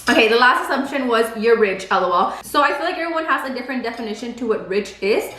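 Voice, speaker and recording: A woman's voice: on the high side, lively intonation, fast talker, sharp tone, echoey room. A woman in her twenties whose first language is Spanish, chatting casually on a vlog and saying "like" a lot. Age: 20s. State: pregnant. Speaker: beauty vlogger. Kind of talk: casual chat while eating.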